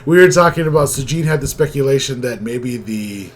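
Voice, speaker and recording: A man co-hosting a casual comic book discussion, relaxed, with frequent fillers and laughs. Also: medium pitch, brisk. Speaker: comic book podcast co-host. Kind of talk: casual chat.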